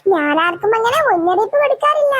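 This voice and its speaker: A woman voicing a teasing young female ghost in a cartoon, speaking in a lower, ominous tone. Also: very animated, fast, a bit bright, dry recording, full character voice. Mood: menacing. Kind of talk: cartoon voice acting.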